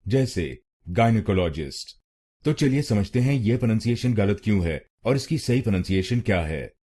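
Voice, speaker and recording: A man with a very low, husky voice delivers a scripted pronunciation lesson. He speaks slowly and deliberately, breaking words into syllables and repeating them with a dark, mellow tone. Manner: slow, deliberate syllable-by-syllable drilling. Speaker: pronunciation teacher.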